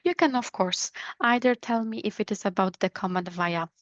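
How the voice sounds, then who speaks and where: A woman's voice: medium pitch, no echo. Woman presenting a webinar over a video call. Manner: measured, explanatory, addresses listeners directly. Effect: heard over a video call. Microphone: video call microphone. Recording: slightly dull, dry video call audio.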